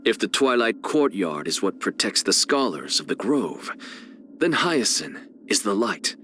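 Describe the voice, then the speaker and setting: In full character voice, a sing-song, haughty male scholar from a video game delivers a lecture with cool contempt, measured and reflective. His fairly low tone carries a crisp, forceful edge, rising and falling theatrically as he takes his time. There's slight background noise.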